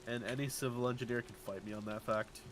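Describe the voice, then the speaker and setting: A man streaming a game and chatting casually, wry and quick to laugh. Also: medium pitch, fairly even intonation, fairly bright tone, a little hiss or hum, low-quality recording. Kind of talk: casual gaming chat.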